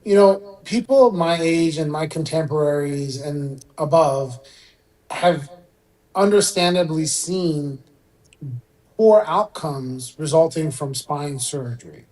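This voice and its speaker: A middle-aged man born in Iran, a surgeon speaking as a guest on a radio interview, explaining in a relaxed way with occasional fillers. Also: fairly high pitch, slow pace, poor audio.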